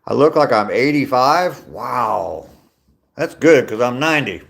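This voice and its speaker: Walking outside and live-streaming on his phone, a man in his sixties reads viewer comments aloud and replies, easygoing and chatty with a dry sense of humor. He speaks unhurriedly in a medium-pitched, slightly bright voice with lively intonation and vocal fry.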